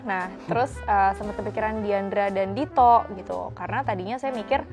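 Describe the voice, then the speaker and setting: A woman's voice: mid-range voice, steady tone, fairly quick, darkish tone. A woman chatting informally to viewers as a channel host, answering questions and making announcements. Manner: chatty, informal, speaks directly to friends watching. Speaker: automotive presenter and channel co-host. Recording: music behind the voice. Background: background music.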